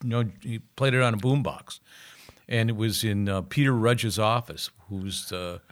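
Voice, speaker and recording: A man's voice: fairly low pitch, a little slow. An older man, a musician guest, telling anecdotes in a casual interview and slipping into the voices of people from his stories. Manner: lively storyteller who slips into voices of people in his stories.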